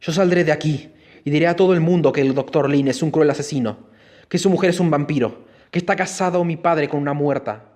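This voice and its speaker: A man voicing a terrified young man who shouts frantic pleas for help in a gothic horror tale. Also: on the high side, brisk, natural voice. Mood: defiant.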